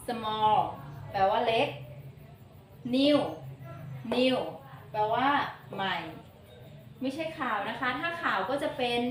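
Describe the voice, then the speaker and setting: A woman teacher with a Thai accent slowly reading English words twice each and translating them for young pupils. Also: on the high side, roomy sound, recorded from a distance, slight background noise, low-quality recording. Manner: slow, repeats each word twice then translates. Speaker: primary school English teacher. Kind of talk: vocabulary lesson for young children.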